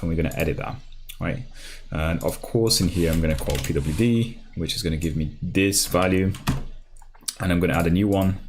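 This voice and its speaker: There's a little hiss or hum on this low male voice. A programming livestream host from Brazil, Portuguese being his first language, walks through a coding tutorial out loud, full of fillers and false starts, with typing audible behind him.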